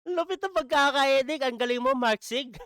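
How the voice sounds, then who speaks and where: A man's voice: very high-pitched, normal speed, a bit bright, no room sound, clean studio sound. A man commenting in a casual vlog, mocking and asking "di ba?" again and again. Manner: mocking, repeats "di ba?". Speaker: vlogger.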